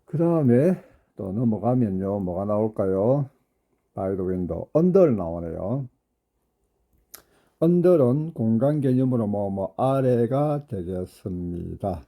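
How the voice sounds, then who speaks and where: Slow, dark-voiced male English teacher. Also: lowish voice, expressive. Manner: slow, deliberate explaining, repeating English phrases word by word. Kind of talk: grammar lesson.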